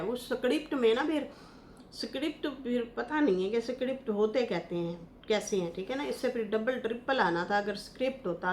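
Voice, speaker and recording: A woman's voice: on the high side, a little hiss or hum. A woman from Pakistan hosting online gossip news, talking through a family scandal with emotion, scolding and retelling what others said. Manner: impassioned, scolding, recounts others' words.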